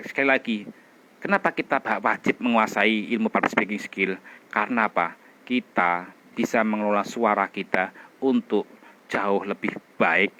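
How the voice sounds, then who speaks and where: A middle-aged man teaching a public speaking class, demonstrating expressions and vocal drills with loud chants and quiet whispers. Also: fairly low pitch. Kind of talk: energetic training class.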